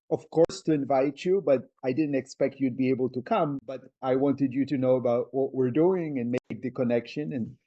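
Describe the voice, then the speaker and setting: A man's voice: medium pitch, mellow, dull audio. A man hosting an interview podcast, talking in a reflective, explanatory way. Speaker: podcast host. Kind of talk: conversational interview.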